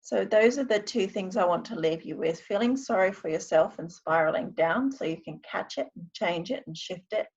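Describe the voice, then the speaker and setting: A woman with a creaky voice leads a mindfulness and meditation session, speaking deliberately and reassuringly straight to her listeners. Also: mid-range voice, lively intonation, a little mellow, highs cut off. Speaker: wellbeing coach and meditation guide. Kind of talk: guided meditation and mindfulness talk. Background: music.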